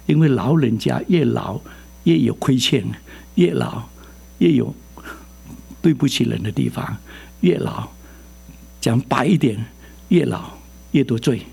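Male preacher, husky and rough, lively delivery that keeps quizzing the listeners. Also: medium pitch. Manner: lively, quizzes the congregation with rising questions. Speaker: pastor. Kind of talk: sermon.

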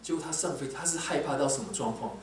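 A man preaching a sermon to a congregation, animated and asking them frequent questions. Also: medium pitch, fast talker. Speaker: pastor. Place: large echoey hall, church. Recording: very echoey hall, distant mic, faint background noise.

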